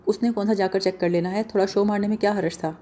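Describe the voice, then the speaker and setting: A woman's voice: medium pitch, steady tone, dark tone, close to an everyday voice. Woman reading as a dramatic, boastful young friend. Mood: complaining.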